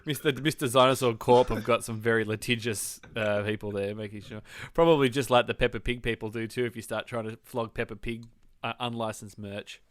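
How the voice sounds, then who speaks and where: An Australian man, probably in his thirties or forties, co-hosts a podcast in casual chat, telling stories in a wry, rambling way. His mid-range voice is steady and a little fast, with no room sound.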